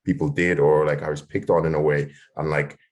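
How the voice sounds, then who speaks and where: A man's voice: a bass voice, level tone, fairly quick, darkish tone. A young man, a panelist talking casually and hesitantly with lots of "like" on a video call. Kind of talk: casual conversation.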